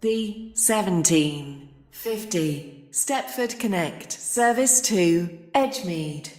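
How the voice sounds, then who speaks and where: An automated woman's voice reading platform announcements over a station PA system, in a measured, evenly spaced way. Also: fairly low pitch, lively intonation. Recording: very echoey station loudspeaker.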